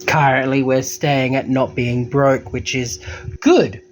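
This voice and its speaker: Speaking slowly and with fairly even intonation, a man at medium pitch chats through his day for a homesteading vlog. He films on a handheld phone and keeps the narration casual and self-deprecating.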